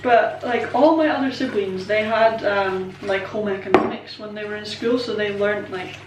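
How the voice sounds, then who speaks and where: Chatting as she bakes, a twenty-something Scottish vlogger rambles and teases herself, leaning on ums and likes throughout. Her medium-pitched voice stays steady at a normal speed. Recorded by a camera away from her in an echoey kitchen, she sounds distant and off-mic, with heavy background noise.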